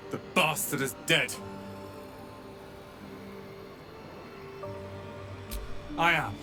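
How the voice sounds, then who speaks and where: Voicing a determined, sincere apprentice wizard scarred by his past in a dramatic game, this young man has a somewhat high voice. His delivery is measured and emotional, with a bitter, wounded mood.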